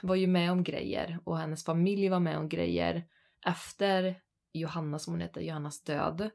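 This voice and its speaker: Lively Swedish woman telling a ghost story. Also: on the low side, gravelly. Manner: animated, laughing through a spooky personal story. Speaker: podcast co-host. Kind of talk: casual storytelling chat.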